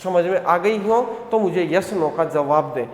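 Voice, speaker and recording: High-voiced man teaching in an echoey hall. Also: unhurried, slight background noise. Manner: drills students with repeated questions and answers; addresses students as "beta". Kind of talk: online coaching class lecture.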